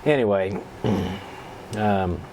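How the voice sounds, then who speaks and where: Deep male voice, pipe in mouth, folksy rambling storytelling, unhurried, steady background hum. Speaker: pipe-smoking vlogger. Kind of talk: casual storytelling chat.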